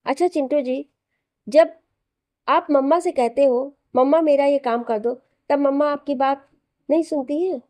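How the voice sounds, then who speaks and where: A woman voicing a kind young wife who speaks softly and affectionately. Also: sits high, a little slow, dry recording. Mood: gentle coaxing. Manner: soft, affectionate coaxing. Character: gentle young wife, kind and soft-spoken.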